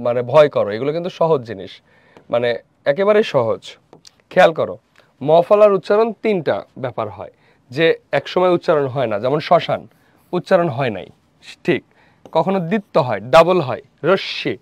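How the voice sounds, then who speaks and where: A man's voice: a little high, a little mellow, no room sound. A young man teaching a live online revision class, who asks questions, repeats them and answers them himself. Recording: dull dry lo-fi stream audio.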